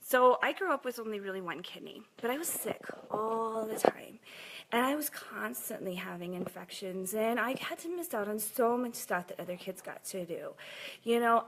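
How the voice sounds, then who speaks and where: Woman in her forties, personal testimony, emotional, breathy near-whisper at times, fairly high voice, faint hiss behind. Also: animated, normal speed, a bit bright, low-quality recording. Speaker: mother sharing her health story.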